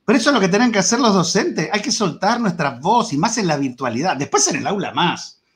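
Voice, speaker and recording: A man lectures teachers over a video call in an animated, playful way. His voice sits fairly high and stays expressive. He talks from a room at home. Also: brisk. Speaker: guest lecturer. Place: home room with green wall and lights.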